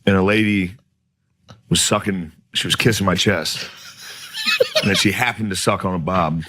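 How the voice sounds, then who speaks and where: A man's voice: low voice, fairly even intonation, normal speed, bright, forceful tone, slight background noise. A man in his thirties co-hosting a podcast, telling profane, rambling stories and laughing through them. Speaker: podcast co-host. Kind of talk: casual comedic storytelling.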